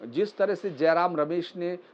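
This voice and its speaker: Fairly high-voiced man giving news commentary. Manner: measured, explanatory, frequent pauses and fillers. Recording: slightly dull lo-fi recording.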